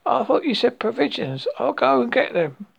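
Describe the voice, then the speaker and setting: A cheerful, simple honey-loving bear, as a storybook reader puts him on, pitched up high and bouncing in a sing-song lilt. The voice keeps a gravelly, husky texture. The recording sounds dull and lo-fi. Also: sing-song, moderate pace, exaggerated voice. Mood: eager. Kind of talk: storybook reading.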